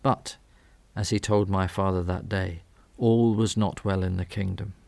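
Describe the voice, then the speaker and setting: A man's voice: low voice, fairly even intonation, a little slow, vocal fry, darkish tone, dry recording. Man narrating wryly in a dry booth. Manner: reflective, wry storytelling. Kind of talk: radio drama narration.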